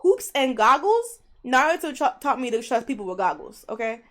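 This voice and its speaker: A young woman streaming a game live, chatting in an animated, slangy, blunt way at her streaming microphone. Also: high-pitched, moderate pace. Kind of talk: casual live gameplay commentary.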